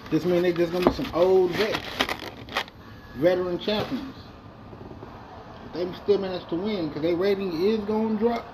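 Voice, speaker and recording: Rambling, profane man at a higher pitch. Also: steady tone, moderate pace, long pauses, noisy background. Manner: rambling, loose and profane, with restarts. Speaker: video game player. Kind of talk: casual gameplay commentary.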